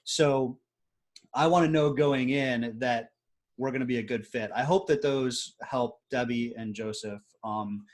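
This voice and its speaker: A man's voice: medium pitch, measured pace. A man hosting a group video call, giving loose, rambling advice and correcting himself as he goes. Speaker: host of a business video call.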